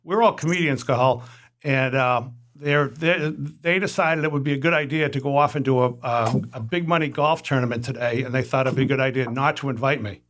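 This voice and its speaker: A man's voice: mid-range voice, brisk, fairly bright tone. A man who is a comedian hosting a casual podcast interview, joking and rambling with many restarts.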